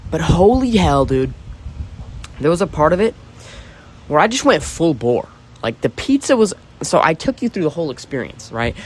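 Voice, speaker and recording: A man's voice: mid-range voice, slight background noise. A man talking in a loose, rambling solo monologue, swearing freely and leaning on "you know" fillers. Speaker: podcast host.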